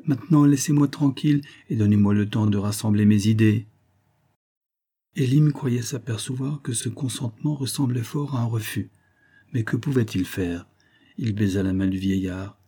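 A man reads a classic novel aloud in a dark, husky voice. He raises his pitch to act out each character's lines, so the dialogue sounds lively. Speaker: audiobook reader. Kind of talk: scripted narration of a classic novel.

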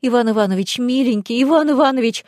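A woman's voice: normal speed, no echo, studio quality. Woman voicing a sobbing, panicked young woman. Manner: sobbing, frantic, high and pleading. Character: panicked weeping young woman, a frightened friend.

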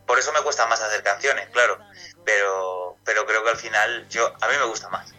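A man's voice: fairly low pitch, fairly even intonation, normal speed, sharp tone, faint music behind, low-quality recording. A man from Castilla-La Mancha, a singer being interviewed on radio, answering at length in a casual, rambling way with many restarts. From Castilla-La Mancha, Spain.

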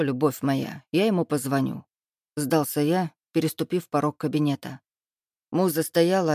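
A man's voice: on the high side, darkish tone, no echo, studio quality. Man narrating a first-person novel. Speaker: audiobook narrator.

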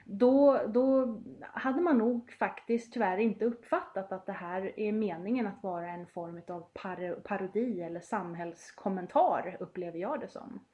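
A woman co-hosting a gaming podcast in casual chat. She holds forth at length and fills her pauses with plenty of hesitations. The recording sounds a little dull and lo-fi. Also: mid-range voice. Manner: talks at length with many fillers. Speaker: podcast co-host.

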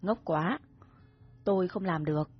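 Woman reading as a gentle husky young heir. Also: on the low side, measured pace. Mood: tender. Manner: soft, gentle, coaxing. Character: young rich heir, domineering but tender man. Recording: dull recording with soft music.

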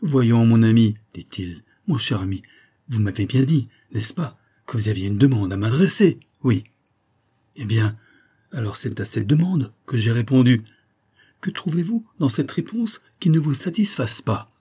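A man's voice: medium pitch, expressive, a little slow, mellow, slightly rough. A man voicing a frank, fatherly older baron who speaks earnestly and cordially. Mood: bewildered.

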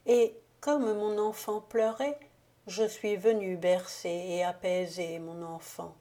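Give me a solemn, melancholy ghost countess read by a woman, slow and dark-toned. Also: medium pitch, close to an everyday voice. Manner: grave, solemn, hushed. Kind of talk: audiobook reading.

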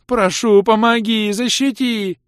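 A man's voice: high-pitched, fairly even intonation, smooth, no echo, studio quality, pitched above the performer's own voice. A man voicing a small cowardly male swamp water-creature that wails in panic and drags out its words. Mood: pleading wail. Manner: panicky wailing squeal, drawn-out words.

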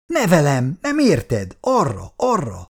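A man's voice: fairly high pitch, huge pitch swings, slightly rough, pitched above the performer's own voice, full character voice. A man voicing a tough, bossy teenage boy who leads a street gang and gives commands. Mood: commanding. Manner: commanding, threatening.

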